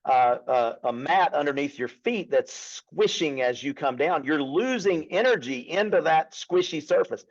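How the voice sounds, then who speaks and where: A man's voice: fairly high pitch, animated, a little slow, hardly any pauses, lo-fi sound. A man with an Appalachian accent giving casual coaching commentary in a folksy, emphatic way, often addressing his partner. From Appalachia, United States. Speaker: strength coach, co-host.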